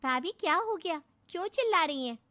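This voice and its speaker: A woman's voice: very high-pitched, expressive, brisk, bright, forceful tone, voice pushed up, exaggerated voice. A woman voicing a blunt, strict young sister who scolds her sister-in-law in a cartoon story. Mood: stern scolding. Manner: stern, scolding.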